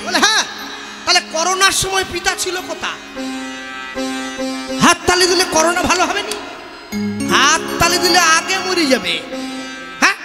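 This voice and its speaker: Male kirtan preacher, very high voice, fiery rhetorical sermon over sitar music. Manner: rhetorical questions, bursts of shouting, mocking asides. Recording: long hall reverb with sitar music.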